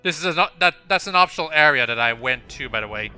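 A man's voice: mid-range voice, animated, fast talker, sharp tone, clean tone. A young man giving casual, rambling gameplay commentary, often restarting his sentences and filling gaps with "uh" and "like". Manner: rambling, self-correcting, frequent fillers and restarts. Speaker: let's play commentator. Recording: game music playing behind.

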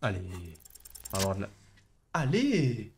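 A man's voice: medium pitch, wildly swooping pitch, moderate pace, heavy background noise. A young French man commenting on a role-playing game, reading its text aloud, laughing and swearing. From France. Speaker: gameplay commentator. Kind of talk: let's play commentary.

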